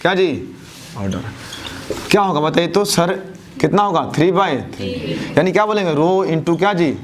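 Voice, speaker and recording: A man teaching a math class, who keeps asking questions and answering them himself, his answers dropping low and soft. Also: expressive, moderate pace, crowd noise. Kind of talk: classroom lecture with call-and-response questions.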